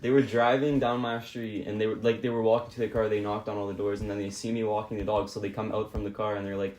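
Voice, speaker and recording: A young man co-hosting a casual podcast, telling a story in an animated way. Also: fairly low pitch, quick pace, roomy sound. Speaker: podcast co-host. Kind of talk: casual chat.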